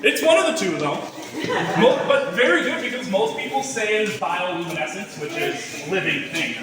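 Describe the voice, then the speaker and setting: Animated high-voiced male tour guide in echoing cave. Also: normal speed, far from the mic, crowd noise. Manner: theatrical, quizzing the group.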